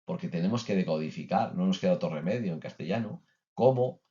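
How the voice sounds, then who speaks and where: A man's voice: sits low, lively intonation, quick pace, warm tone. A man giving a recorded course lecture to teachers, conversational, with many filler sounds and restarts. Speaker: teacher trainer. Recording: dull lo-fi recording.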